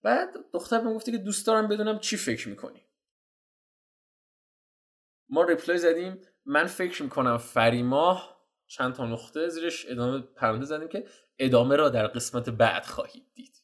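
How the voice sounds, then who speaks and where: A man giving casual, slangy dating advice while walking viewers through chat screenshots. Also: fairly high pitch. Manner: slangy, animated, addresses viewers as "guys". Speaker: dating coach.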